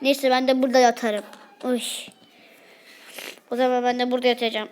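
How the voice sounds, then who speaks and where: A woman's voice: a little high, level tone, fairly quick, darkish tone, slight background noise. A woman improvising a game role-play video with rowdy, slangy banter. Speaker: video creator voicing game characters.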